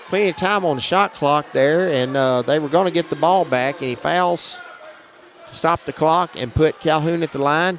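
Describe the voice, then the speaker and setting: A man's voice: a little high, a little hiss or hum. Man calling a basketball game. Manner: brisk, matter-of-fact calls, raising his voice on big plays. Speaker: play-by-play announcer. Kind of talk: live basketball commentary.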